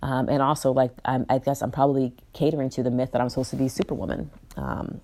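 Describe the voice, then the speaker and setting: A woman's voice: very deep voice, steady tone, fast, dark tone. A woman giving a candid personal account in an interview, blunt and emphatic, swearing freely and often restarting her sentences.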